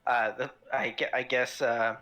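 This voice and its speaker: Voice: medium pitch, level tone, unhurried, sharp tone, poor audio. A tabletop player speaking in character, polite and wry, hesitating often.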